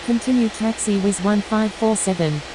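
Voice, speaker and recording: A woman's voice: medium pitch, moderate pace, close to an everyday voice. A woman playing a businesslike airline pilot over the radio, speaking in procedural phraseology. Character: businesslike female airline pilot calling the tower. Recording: hissy radio with engine-like noise.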